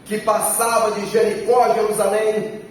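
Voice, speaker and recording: A man's voice: high voice, level tone, normal speed. A man with a Brazilian Portuguese accent preaching a sermon, emphatic and repeating his phrases. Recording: echoey church from a distance, faint noise.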